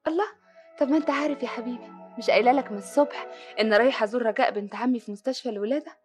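A woman voices a sociable young wife with an Egyptian accent in an old radio play. Her voice is high and she speaks quickly. She sounds pleading and easily hurt. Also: a little mellow, faint music behind, close to an everyday voice. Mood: cheerful. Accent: Egyptian Arabic.

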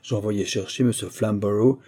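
A man reading a classic novel aloud as audiobook narrator, in a steady, composed manner. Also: lowish voice, moderate pace, breathy edge. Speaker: audiobook reader.

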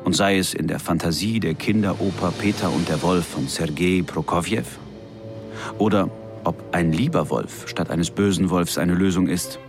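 A man narrating a scripted radio feature in a reflective, deliberate way. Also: sits low. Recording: music underneath.

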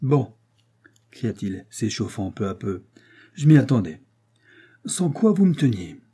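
A man's voice: on the low side, sing-song, unhurried, warm tone, breathy edge, full character voice. A man reading aloud, voicing an intense young Venetian swordsman who barks commands in a fight and turns distraught. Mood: excited. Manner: urgent commanding fencing coach, later distraught.

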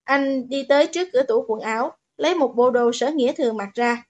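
Reading a romance novel fairly quickly, this woman has a high, bright voice. She narrates evenly and steadily, in the straightforward rhythm of a scripted audiobook.

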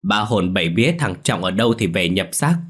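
Man voicing village neighbor, chanting call, deep voice, husky. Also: lively intonation, fairly quick, fairly bright tone. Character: village neighbor calling back a lost soul.

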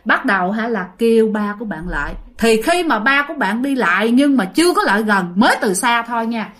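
A woman's voice: a little high, animated, brisk, a bit bright. A woman with a Southern Vietnamese accent telling ghost stories in a chatty way, addressing her listeners directly. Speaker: ghost story narrator. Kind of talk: casual storytelling.

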